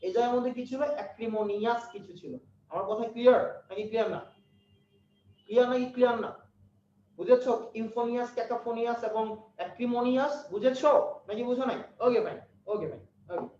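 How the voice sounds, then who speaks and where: A man's voice: very high voice, quick pace, a little mellow. A man teaching an English lesson online, repeating each point and quizzing his listeners again and again. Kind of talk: online lecture. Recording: echoey, muffled, from afar.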